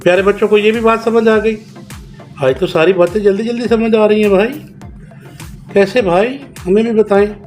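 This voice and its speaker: A man teaching children a homework lesson, slowly dictating and repeating words syllable by syllable. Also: high voice, steady tone, a little mellow, faint music behind.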